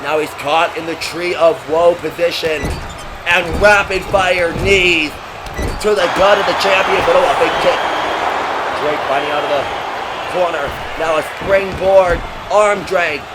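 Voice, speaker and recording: A man's voice: high-pitched, fairly even intonation, unhurried. A man working as a wrestling commentator, calling the action move by move with dramatic, exclamatory delivery. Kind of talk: excited play-by-play wrestling commentary. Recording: loud crowd and heavy arena noise. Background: noisy crowd.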